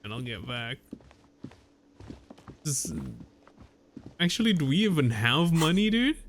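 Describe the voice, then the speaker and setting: A man's voice: fairly high pitch, sing-song, measured pace, a bit bright, slight background noise. A man streaming a video game, reading dialogue choices aloud and joking casually with crude language. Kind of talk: casual gaming stream commentary.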